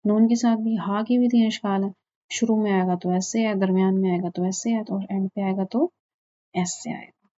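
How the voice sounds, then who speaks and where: A woman teaching a class, slowly and patiently drilling letter sounds one by one and checking with her students. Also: mid-range voice, steady tone, mellow, dull audio. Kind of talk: online lesson on Arabic letter pronunciation.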